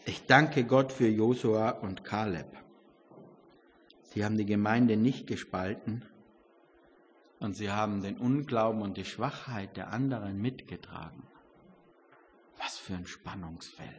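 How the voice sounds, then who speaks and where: An older man preaching a sermon, emphatic, swinging between loud exclamations and quiet reflection. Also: fairly low pitch, unhurried, long pauses, slight background noise. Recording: long hall reverb.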